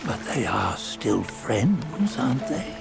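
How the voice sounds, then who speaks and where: An actor playing an old, philosophical, scornful storyteller in a video game, with a measured, sardonic delivery. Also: male voice, medium pitch, sing-song, creaky, music in the background, full character voice. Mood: gentle prodding. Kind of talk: video game cutscene acting.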